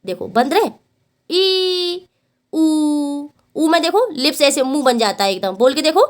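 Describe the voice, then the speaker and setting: A woman's voice: high voice, lively intonation. A woman teaching a Hindi exam-prep lesson. She asks the class a question, answers it herself, and repeats each point, often calling the students "beta". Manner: drawn-out vowel demonstrations.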